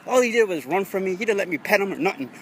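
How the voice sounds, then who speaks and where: A man's voice: high voice, animated, very fast, fairly bright tone, slight background noise. Rambling, profane young man vlogging. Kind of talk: rambling comedy phone vlog. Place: outdoors on a street.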